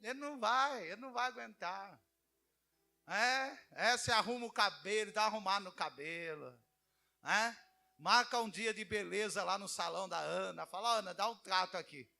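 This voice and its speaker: High bright-voiced pastor preaching. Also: male voice, moderate pace, gravelly, faint music behind. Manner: animated preaching, acting out quoted voices. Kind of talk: sermon.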